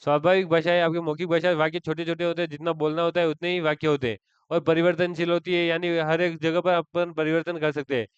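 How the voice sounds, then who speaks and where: A man's voice: on the high side, level tone, fast, smooth, no room sound, muffled recording. A man giving an exam-prep lecture, repeating key terms and asking and answering his own questions. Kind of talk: online lecture.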